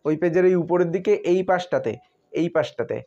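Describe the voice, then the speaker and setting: A man with a high voice teaches a classroom science lesson, patiently repeating key words and spelling out terms letter by letter. The recording sounds dull and lo-fi. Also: normal speed, warm tone.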